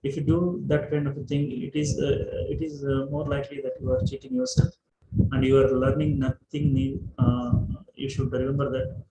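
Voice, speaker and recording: A male lecturer talks through an online class, stopping often to search for words and restarting phrases. The sound is roomy and echoing, with steady noise on the line. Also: medium pitch, normal speed. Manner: hesitant, many fillers and restarts. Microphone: microphone held away at first. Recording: echoey room, noisy line.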